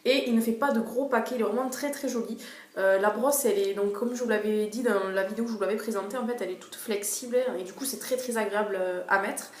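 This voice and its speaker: A woman's voice: medium pitch, fast talker. A young woman reviewing her favorite beauty products in a casual, hesitant way, full of fillers and repeated words, recorded in a room at home. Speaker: beauty vlogger. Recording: echoey room, faint noise.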